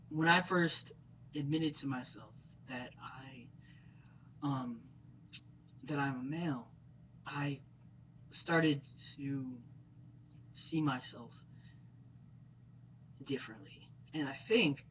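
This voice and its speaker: A young man speaking in a personal video diary, reflective and hesitant, with many pauses and ums. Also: medium pitch. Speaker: vlogger. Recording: slightly dull lo-fi sound with faint noise.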